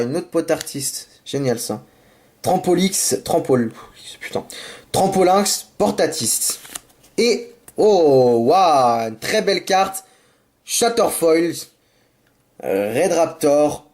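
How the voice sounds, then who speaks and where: This man's voice sits on the high side as he opens card packs with a cold-induced sore throat. He rambles and says sorry at first, then grows excited over the cards in casual, homemade commentary captured by the camera mic.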